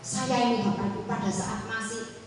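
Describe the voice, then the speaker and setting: An older woman preaching a sermon with personal testimony at a prayer meeting, often calling to her listeners and swinging between loud and hushed passages. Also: a little high, steady tone, moderate pace, a little hiss or hum. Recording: echoey hall from far off.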